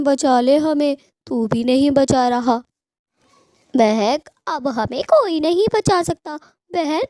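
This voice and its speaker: Woman voicing a shrill cursing witch. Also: darkish tone, dry recording, clean studio sound. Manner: shrill, scolding threats and curses. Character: foul-mouthed, boastful female tree witch. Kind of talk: cartoon story voice acting.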